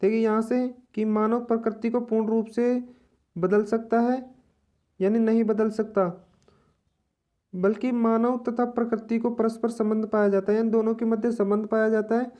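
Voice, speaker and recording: A woman teaching an exam-prep lesson, explaining slowly and repeating each point in other words. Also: fairly high pitch, mellow.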